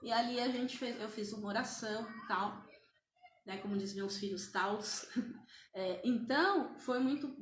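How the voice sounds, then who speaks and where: A woman's voice: a little high, fairly bright tone, roomy sound, slight background noise. A woman evangelist giving a church testimony, hesitant and full of fillers and restarts.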